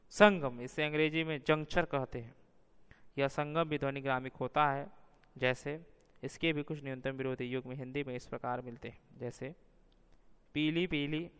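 A man teaching Hindi phonology as a lecture, reading out sounds and word pairs one by one and stressing each clearly. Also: medium pitch, a bit bright, long reverb tail.

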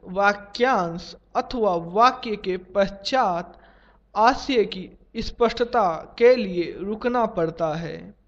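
A man reading a grammar lesson aloud in a measured, formal, dictation-like way. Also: high-pitched. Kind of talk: slow read-aloud textbook lesson. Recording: dull lo-fi sound.

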